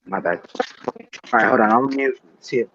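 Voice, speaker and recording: A man's voice: mid-range voice, brisk, pushed and bright, highs cut off, slight background noise. A man joining a casual chat over an online call, his voice crunchy and breaking up with digital distortion. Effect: crunchy, breaking-up distorted voice chat audio. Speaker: guest calling in.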